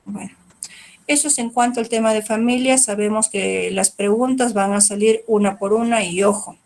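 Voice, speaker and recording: Peruvian Spanish woman, middle-aged court trainer, gravelly mid-pitched voice, explanatory and patient. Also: fairly even intonation, moderate pace, darkish tone. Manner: explanatory, with rhetorical questions and fillers. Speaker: court trainer on family law. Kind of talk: training lecture.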